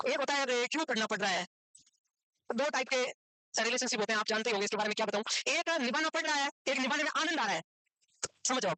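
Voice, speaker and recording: A woman's voice: high-pitched, sharp tone, no echo. A woman teaching a nursing exam class in a classroom, quizzing her students and scolding them for not knowing the answers. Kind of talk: classroom lecture.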